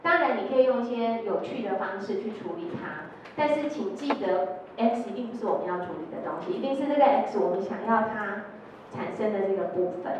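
Her voice is mid-range, animated, and brisk. A middle-aged woman with a Taiwanese Mandarin accent, she teaches a workshop through told anecdotes, performing the quotes and using tag particles, recorded distantly in lo-fi in an echoey hall over background noise.

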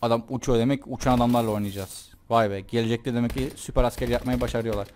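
A man's voice: mid-range voice, fairly even intonation, fast, a little mellow, a little hiss or hum. Joking man chatting over gameplay. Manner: joking, chatty, talks to the game characters. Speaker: gameplay commentator. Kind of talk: casual let's-play commentary.

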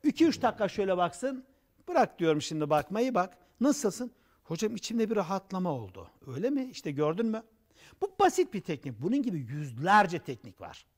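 Man coaching on tv, really high voice, super animated, keeps asking the audience questions. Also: fairly quick. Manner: animated, acts out examples with gestures; rhetorical questions. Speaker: personal development coach. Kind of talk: TV talk show monologue. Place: TV studio.

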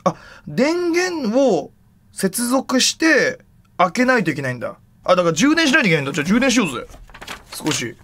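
A man streaming live, chatting casually in rough slang with loud exclamations while he handles and examines an object. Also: sits high, wildly swooping pitch, a little fast.

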